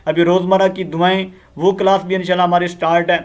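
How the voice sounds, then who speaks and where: A man's voice: high voice, little pitch movement. A man with a Pakistani Urdu accent giving a spoken Quran recitation lesson, explaining in an earnest, repetitive teaching manner with frequent fillers.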